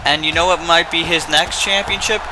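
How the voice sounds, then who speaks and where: A man with a slightly high voice offers conversational colour commentary on wrestling. There is clear noise behind him, as at a live event. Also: steady tone, fairly quick.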